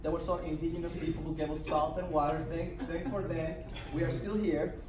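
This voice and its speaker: A man from El Salvador tells an animated story to a meeting group, laughing and stumbling over restarts as he goes. He sounds far from the microphone in a roomy, echoing space. Steady background noise runs beneath his voice. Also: on the high side, a little fast. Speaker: presenter at a business networking meeting. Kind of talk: storytelling presentation. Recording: echoey room, mic from far off, noisy.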